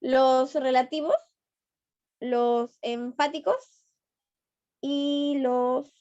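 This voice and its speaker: High-voiced lady teacher, talks slow, keeps asking the class stuff, kinda muffled lo-fi online class sound. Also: fairly even intonation, darkish tone. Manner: patient, coaxing, asks students questions. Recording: dull lo-fi online class audio.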